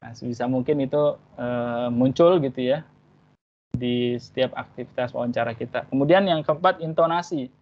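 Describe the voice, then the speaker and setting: Man, mid pitch, casual teacherly coaching, online presentation, muffled lo-fi sound. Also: normal speed. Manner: casual teacherly, tags points with "ya" and "gitu". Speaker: interview trainer for school applicants.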